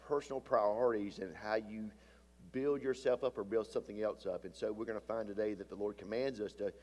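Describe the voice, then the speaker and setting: Recorded in a church sanctuary with long hall reverb, this sermon comes from a male pastor whose sinus trouble leaves his voice stuffy and lowered. He regularly builds louder and slows to drive home his points.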